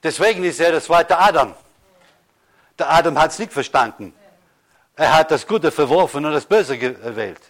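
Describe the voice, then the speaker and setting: Emphatic preaching pastor, slightly high voice. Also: male voice, lively intonation, a bit bright. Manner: preaching with emphatic slow stresses and rhetorical questions. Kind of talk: sermon.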